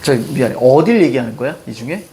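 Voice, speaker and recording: A man's voice: mid-range voice, animated, fast, dark tone, a little hiss or hum. A man teaching a classroom grammar lesson, walking through pronunciation rules step by step.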